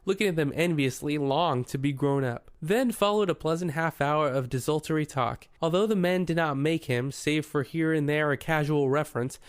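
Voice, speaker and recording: Man, audiobook narration, measured delivery, smooth resonant voice, slightly high. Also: no room sound, clean studio sound. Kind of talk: scripted narration.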